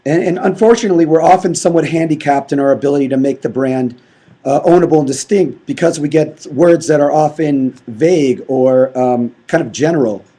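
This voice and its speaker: A man gives a design presentation with a worn voice, pausing to clear his throat. His tone is mellow and sits a little high. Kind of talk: conference presentation.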